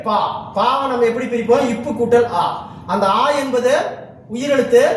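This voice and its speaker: A man's voice: very high voice, a little hiss or hum. A man teaching a grammar lesson for exam students, going through examples one by one and often stopping to check that the class is following. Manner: repeats a checking question after each point. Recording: very echoey room, voice from far off.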